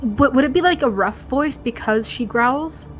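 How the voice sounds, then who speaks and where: A woman's voice: sits high, normal speed, faint music behind. A woman co-hosting a tabletop role-play stream, chatting casually and laughing often while she tries out voices. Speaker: co-host and player.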